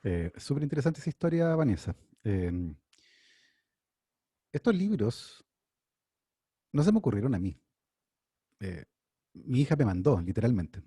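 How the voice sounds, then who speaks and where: Brief: middle-aged Chilean man, dark husky voice, animated storyteller, dry close sound. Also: medium pitch, measured pace, long pauses, no echo. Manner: lively, anecdotal, voices his own quoted lines. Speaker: invited speaker, scientist and author. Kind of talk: casual storytelling talk.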